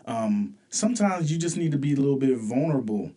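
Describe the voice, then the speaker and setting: Husky-voiced man co-host. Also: mid-range voice, lively intonation, fairly quick, dark tone. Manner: rambling, stammering, laid-back slang. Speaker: podcast co-host. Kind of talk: casual relationship talk.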